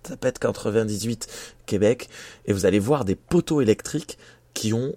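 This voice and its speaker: A man from France co-hosting a casual podcast, talking in a halting way with many fillers and restarts. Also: fairly low pitch, warm tone, no echo. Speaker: podcast co-host.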